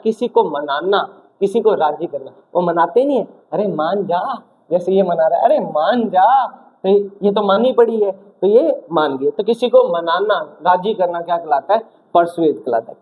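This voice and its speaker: A man's voice: high-pitched, animated, normal speed. A man teaching exam vocabulary in a coaching lesson, asking rhetorical questions and answering them himself, with lots of repetition. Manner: repetitive, asks and answers his own questions. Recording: tinny phone-like sound.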